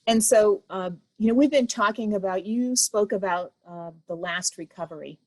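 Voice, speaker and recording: An American woman who is an association president interviews a guest, listening attentively, affirming often, and saying "mm-hmm" a lot. Her medium-pitched voice is a little mellow and moves at a normal speed. The recording is dry and rough.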